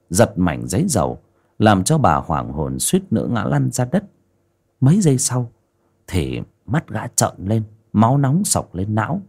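A man giving slow, dramatic scripted narration of a dark folk story. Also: fairly low pitch, creaky.

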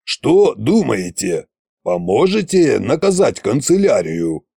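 Koschei, a self-satisfied old tsar-sorcerer, drawls and grumbles in a slow, dark voice, as a male narrator puts him on. He talks in folksy, scheming asides, and the sound is close and dry. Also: medium pitch, sing-song, vocal fry, slightly rough, dry recording, full character voice.

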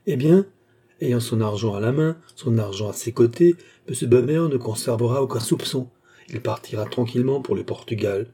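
A man's voice: medium pitch, brisk, mellow, husky, lightly acted. A man voicing a proud impostor ambassador who is dignified but easily alarmed. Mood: worried. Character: proud, nervous male impostor posing as an ambassador.

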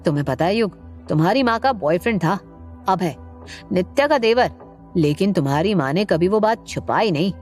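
A woman voicing a stern middle-aged father who speaks in a low, weighty, accusing way. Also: animated, moderate pace, a little mellow, soft background music, lightly acted.

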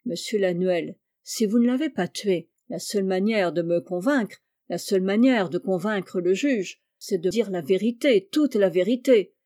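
A woman reading a story aloud, voicing a calm, shrewd female police detective who speaks gently but insistently. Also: mid-range voice, moderate pace, few pauses, close to an everyday voice.

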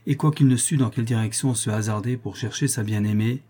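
A man narrating a classic novel in a steady, measured reading. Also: on the low side, slightly rough. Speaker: audiobook narrator.

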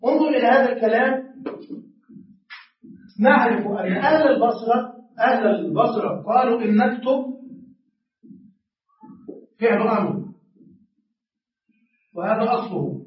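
A man's voice: very high voice, normal speed, long pauses, very echoey. Guy teaching grammar to a class, asks then answers, far from the mic, dull muffled sound. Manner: asks the class questions and answers them himself. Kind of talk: classroom lesson.

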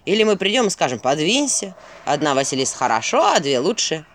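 A woman's voice: deep voice, sing-song, fairly quick, a little hiss or hum. Sarcastic owl, voiced by a woman. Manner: sarcastic, dry, mocking. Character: sarcastic grumbling male owl companion. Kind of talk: audiobook character voice.

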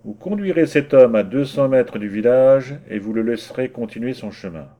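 A man's voice: mid-range voice, animated, normal speed, highs cut off, natural voice. A man voicing a stern, pompous village mayor in a storybook reading, giving curt, indignant orders.

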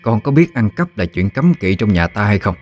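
Commanding elderly matriarch, read by a man in his own low voice, measured and unhurried. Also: soft background music. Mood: stern commanding. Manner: slow, calm, authoritative. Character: stern elderly grandmother, family matriarch.

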